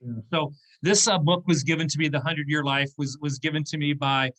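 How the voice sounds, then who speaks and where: A fifties business owner guesting on an interview, his voice a little high, steady and fairly bright, speaking a little fast. He explains conversationally, checking in with "okay?" and "right?", and the audio is poor.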